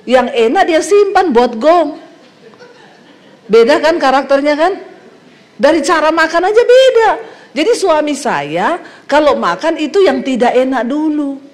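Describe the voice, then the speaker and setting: A middle-aged woman pastor from Sulawesi preaches with a high voice. She tells comic stories to a congregation, acting out the quotes and laughing often. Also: expressive, measured pace, pauses often. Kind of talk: humorous sermon.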